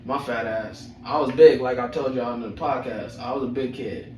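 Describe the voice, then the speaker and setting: Chuckling as he goes, this young man tells personal stories on his podcast in slangy, profane terms. He has a medium-pitched, darkish voice with fairly even intonation and a moderate pace. The mic is distant, so the sound carries room echo and faint noise.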